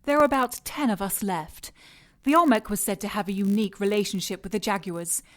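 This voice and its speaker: Playing a seductive, cold and mocking scientist in charge of experiments, an actress delivers sci-fi noir audio drama lines briskly, with light acting. Her medium-pitched female voice carries clinical precision and teasing condescension, and the mood stays clinical and matter-of-fact.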